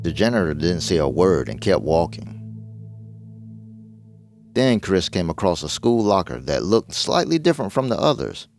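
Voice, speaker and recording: A man narrating a first-person animated horror story, voicing every character in quotes himself. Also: moderate pace, creaky. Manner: voices all the characters in quotes, jumping up in pitch for dialogue. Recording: narration over music.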